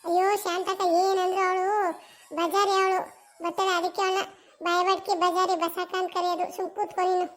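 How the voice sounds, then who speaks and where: A performer voicing a bossy middle-aged village woman who brisk-talks others down in a high cartoon voice with a Mysore Kannada accent. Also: flat delivery, fairly bright tone.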